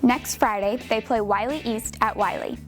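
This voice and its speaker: Brief: teen girl sports anchor, slightly high voice, faint music. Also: normal speed. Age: teens. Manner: scripted, steady. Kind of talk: reading sports news.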